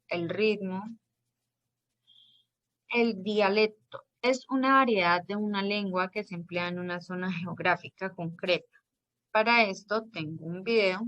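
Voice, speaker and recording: A woman teacher lectures in a measured, explanatory way, sometimes pausing with small hesitations. Her voice sits at a middle pitch. The recording is dry, with no room sound. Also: fairly bright tone, no echo, dull audio. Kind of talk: classroom lecture.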